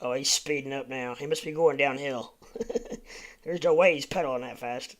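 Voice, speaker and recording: An older man with a lively, folksy, joking manner, chatting and commentating casually. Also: mid-range voice, normal speed.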